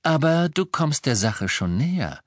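A man's voice: fairly high pitch, very animated, unhurried, no room sound, pitched above the performer's own voice. A man voicing a stern teenage wizard hero who speaks firmly and commandingly. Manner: firm, commanding. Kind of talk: audiobook character voice.

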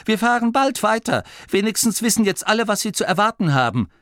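A man voicing a steady young male gnome leader who speaks in a calm, reassuring way, a little above his own voice. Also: mid-range voice, normal speed, vocal fry, dry recording, clean studio sound, pitched above the performer's own voice.

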